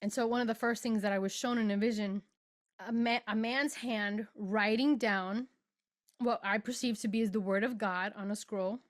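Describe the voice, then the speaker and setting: A woman's voice: mid-range voice, fairly even intonation, normal speed. A middle-aged woman hosting a podcast and giving an earnest, emotional spiritual monologue, stretching out words for emphasis. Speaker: podcast host and spiritual guide.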